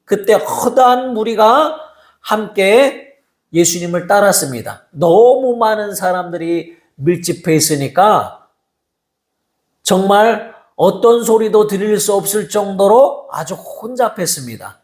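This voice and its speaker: A male pastor preaching a sermon in a high, soft-spoken voice. He tells the story with animation, acting out the people's voices as he goes. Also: animated, a little slow, reverberant. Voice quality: soft-spoken, by his own account.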